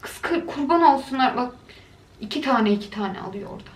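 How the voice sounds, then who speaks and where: This video creator is a woman with a high, expressive voice and a brisk pace, casually reacting to funny videos by chatting and cooing doting exclamations at what she sees. Faint noise and room echo are audible.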